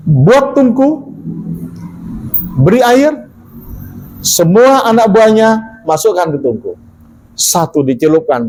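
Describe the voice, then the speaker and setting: A male preacher telling a story in a sermon, animated, asking his listeners questions and repeating key lines. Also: a little high, rough recording. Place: mosque.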